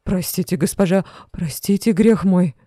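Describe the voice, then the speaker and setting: A woman's voice: lowish voice, normal speed, mellow, no room sound, clean studio sound, natural voice. Woman doing drunk brute, stammering, pleading, storybook figure. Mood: terrified. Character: drunk brutish man, lecherous, then terrified.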